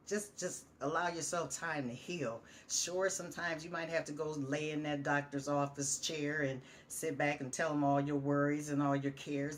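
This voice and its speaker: A woman's voice: low voice, a little hiss or hum. A woman reads her own stories and uplifting writing aloud as a vlogger. She sounds heartfelt and encouraging, repeats phrases for emphasis, and now and then stumbles over a word. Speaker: storyteller and vlogger.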